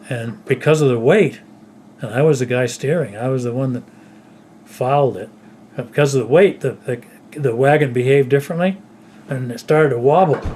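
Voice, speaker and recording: An older man at home casually telling stories from his childhood, unhurried and rambling, often trailing off softly at the end of a phrase. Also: medium pitch, slight background noise. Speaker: storyteller recalling his childhood.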